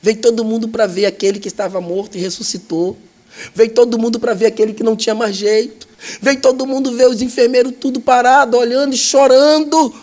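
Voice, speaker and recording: An evangelist with a notably high voice tells his testimony with drama. He acts out everyone in the story as he goes. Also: a little mellow. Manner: dramatic, acts out other people's lines. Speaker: evangelist, podcast guest.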